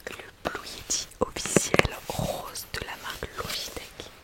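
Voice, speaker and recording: A woman whispers in a breathy, unvoiced ASMR style into a close condenser microphone, chatting casually and gushingly as she presents an unboxing. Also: takes it slowly. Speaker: ASMR video creator and streamer. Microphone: close USB condenser microphone.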